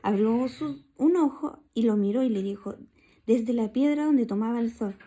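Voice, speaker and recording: A woman's voice: fairly high pitch, normal speed, mellow, husky. A woman teacher with a Chilean accent, reading a story aloud in an online lesson and explaining new words with simple examples. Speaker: primary school teacher.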